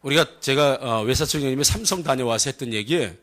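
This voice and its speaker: A male pastor preaching a sermon with animated storytelling and laughter. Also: medium pitch, quick pace. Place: church sanctuary.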